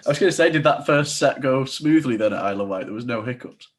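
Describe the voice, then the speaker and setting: A man's voice: mid-range voice, animated, quick pace. A young man casually interviewing a guest on a video call, asking long, hesitant questions. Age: young adult. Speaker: podcast interviewer. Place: indoor room, video call.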